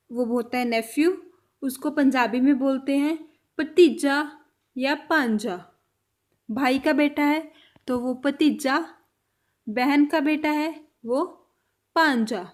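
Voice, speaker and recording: A woman teaching a vocabulary lesson, slowly repeating each word with care. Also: sits high. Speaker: language teacher.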